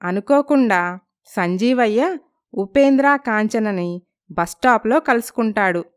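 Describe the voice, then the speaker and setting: A woman narrating a storybook in a clear, even reading voice. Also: on the high side, a little slow.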